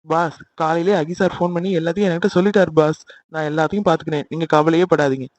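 A man's voice: on the high side, steady tone, fast talker, dry recording, close to an everyday voice. A man voicing a loyal young office employee who reassures his boss eagerly. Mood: reassuring. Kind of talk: cartoon voice acting.

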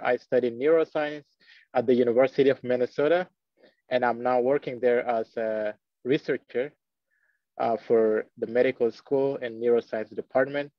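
A man's voice: medium pitch, dry recording. Young man from Ethiopia, dull dry audio. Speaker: neuroscience researcher. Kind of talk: guest introduction on video call.

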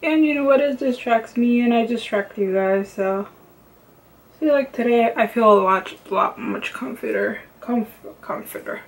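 A woman's voice: on the high side, measured pace, rough recording. A woman, chatting casually through a makeup tutorial in her bedroom, full of "like" and "um" fillers. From Los Angeles, United States. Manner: chatty, rambling, many "like" and "um" fillers. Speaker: beauty vlogger. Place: home bedroom with lamps and makeup shelves.

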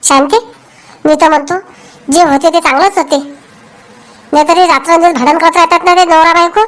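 A woman doing a calm, easygoing father. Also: very high-pitched, fairly quick. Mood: placating.

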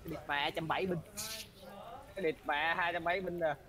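Male teammate, higher voice, blunt repeated callouts, profane. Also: steady tone, moderate pace, a crowd in the background. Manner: blunt, repeats urgent commands, swears. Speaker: teammate in voice chat. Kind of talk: gaming banter.

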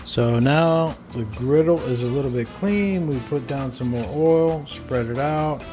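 A man's voice: mid-range voice, a little slow, warm tone, faint music behind. A man hosting his cooking channel, casually talking viewers through each step as he cooks at an outdoor griddle. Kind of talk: casual cooking demo narration.

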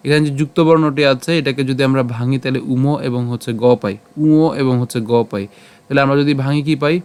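A man teaching Sanskrit pronunciation, patiently repeating each word slowly. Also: mid-range voice, darkish tone, smooth. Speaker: Gita recitation teacher.

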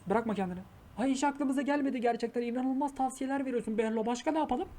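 A woman's voice: sits high, fairly even intonation, fast talker, mellow. A woman streamer in casual reaction commentary, exasperated, scolding the characters on screen, swearing and muttering prayers. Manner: swears and mutters prayers while she talks.

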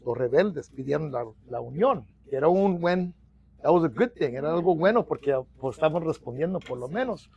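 A middle-aged union organizer from the United States with a Mexican-American accent is the guest in a storytelling interview, recorded lo-fi on a lapel mic in a small office. His slightly high voice has a gravelly edge as he tells stories in Spanish, dropping in English words, restarting phrases often and gesturing animatedly.

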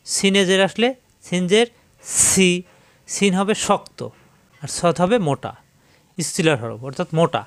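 A man teaching Quran recitation in a Bangladeshi Bengali accent, slowly drilling syllables one by one with a stressed hiss. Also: high-pitched, big pitch swings, clean tone, dry recording. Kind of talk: slow teaching, drilling letter sounds.

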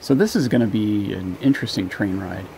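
A man's voice: fairly low pitch, fairly quick, dark tone. A man in his thirties hosting a travel vlog, narrating with wry, joking asides while walking through a city and a train station. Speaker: travel vlogger. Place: busy city streets and a large train station. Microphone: handheld camera at arm's length. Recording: street and station noise behind.

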